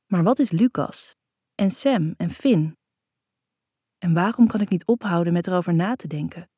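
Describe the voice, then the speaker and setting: A woman's voice: fairly low pitch, moderate pace, mellow, breathy edge, no echo, studio quality. A woman narrating a first-person novel in an intimate, reflective way. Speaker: audiobook narrator.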